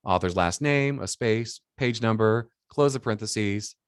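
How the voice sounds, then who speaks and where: A man's voice: lowish voice, a little slow, clear, resonant tone, dry recording, studio quality. A man giving a classroom lecture as an English instructor, dictating examples item by item and naming each punctuation mark. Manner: often ends points with a checking "right?". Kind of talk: classroom lecture on citation rules.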